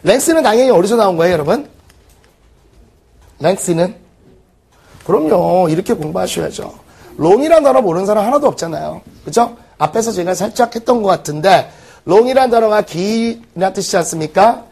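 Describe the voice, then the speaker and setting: A man teaching an exam-prep English lesson, firing quick rhetorical questions at the class. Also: sits high, expressive, creaky, darkish tone, slightly rough. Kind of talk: recorded exam-prep lecture.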